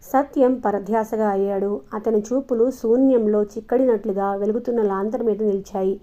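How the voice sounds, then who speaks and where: A woman narrating an audio novel in a calm, even storytelling manner, in a dull lo-fi recording. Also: mid-range voice, normal speed. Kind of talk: scripted narration.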